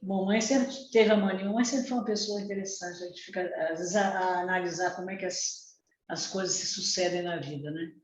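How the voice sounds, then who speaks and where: A woman in a study group calmly sharing a family story and reflecting on it over a video call. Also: fairly low pitch, a little fast. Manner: reflective, anecdotal. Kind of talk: casual group discussion. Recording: roomy dull call audio with faint noise.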